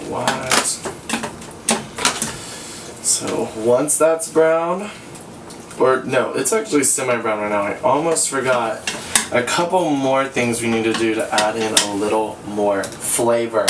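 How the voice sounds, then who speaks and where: A man's voice: mid-range voice, measured pace. A tipsy, giggly American man in his twenties, sassy and sweary, giving casual cooking commentary to a camera a few feet away. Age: 20s. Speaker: host of a home cooking show. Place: small cluttered home kitchen. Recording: echoey kitchen, distant mic, pan noise. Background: sizzling pan and clattering utensils.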